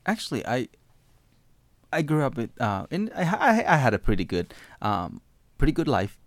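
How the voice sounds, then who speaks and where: A Thai man, speaking English as a second language, recounts his life story as an interview guest, full of restarts and fillers. His mid-range voice swoops wildly in pitch at normal speed, with no echo.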